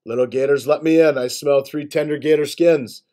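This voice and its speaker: Storybook villain: a man doing a raspy, bullying male boar, mellow low voice, sing-song threats. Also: steady tone, normal speed, close to an everyday voice. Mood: menacing. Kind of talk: storybook reading.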